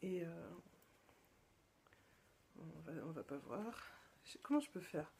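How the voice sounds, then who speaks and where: A woman from France hosting her own podcast, chatting casually and hesitantly, with many fillers and restarts and soft whispered asides. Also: lowish voice, big pitch swings, slow pace, creaky, a little hiss or hum. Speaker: podcast host. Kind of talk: casual show-and-tell chat.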